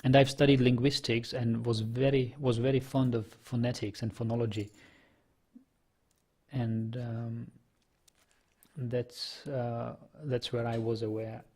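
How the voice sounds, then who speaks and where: Speaking a little slowly, this young man from the Czech Republic has a medium, level voice with a darkish, husky tone. A native Czech speaker with a Czech accent, he casually commentates his online poker play and reads chat, thinking aloud hesitantly with lots of fillers.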